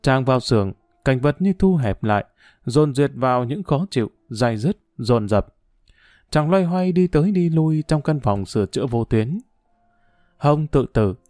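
A man narrating a story audiobook in a steady, measured way. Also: medium pitch, no echo, studio quality, soft background music.

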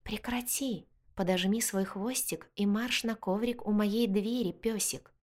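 A woman's voice: lowish voice, a little slow. A woman voicing a bold young heroine who taunts and mocks her opponent in a fantasy audiobook. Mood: mocking. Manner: taunting, sarcastic.

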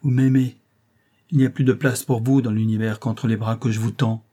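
A man's voice: medium pitch, flat delivery, normal speed, mellow, husky, lightly acted. A man voicing a passionate, desperate young nobleman in a story reading, pleading in a raised voice. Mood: fervent.

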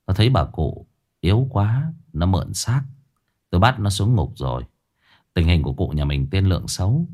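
A man voicing a stern young male exorcist, low, cold and threatening. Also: darkish tone.

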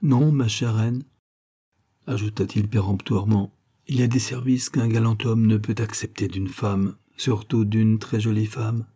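A man's voice: on the low side, steady tone, measured pace, mellow, breathy edge. A man reading aloud, voicing a charming, carefree male hunter who speaks gallantly and resolutely.

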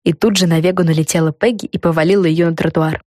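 A woman narrating a children's storybook in a calm, even way. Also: fairly low pitch, fast talker, no room sound, studio quality. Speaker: audiobook narrator.

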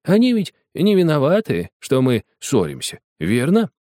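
A man voicing a gentle, kindly old male botany teacher. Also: fairly high pitch, huge pitch swings, measured pace, no room sound, clean studio sound, voice pushed up. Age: older. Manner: soft gentle coaxing.

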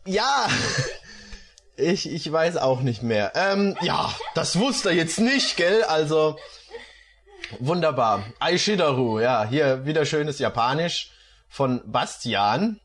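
A man's voice: a little high, very animated, takes it slowly, a bit bright. A man reading bad fan fiction aloud and mocking it with sarcastic comments.

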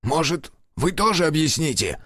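A man's voice: a little high, sing-song, moderate pace, a bit bright, dry recording, clean studio sound, pitched above the performer's own voice. A man voicing a stern middle-aged male detective who speaks coldly and curtly. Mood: harsh. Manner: curt and hard, grating when pressed.

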